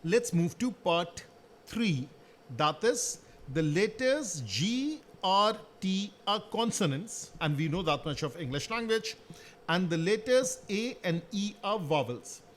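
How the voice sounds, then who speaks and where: A maths teacher with a rather high voice talks through a worked solution one step at a time, putting questions to the class and answering them himself. A faint hiss of background noise sits under his voice. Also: sing-song, takes it slowly.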